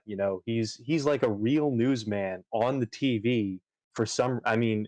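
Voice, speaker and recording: A man's voice: mid-range voice, a little mellow, no room sound. A man chatting casually on a livestream, rambling with lots of fillers and restarts. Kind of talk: casual chat while gaming on a livestream.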